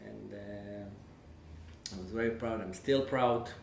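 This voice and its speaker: In an oral-history interview about his family, an Israeli man in his 40s recalls the past in a low, gravelly voice with fairly even intonation. His speech is halting as he hunts for words and repeats word beginnings. Faint background noise sits in an echoey room.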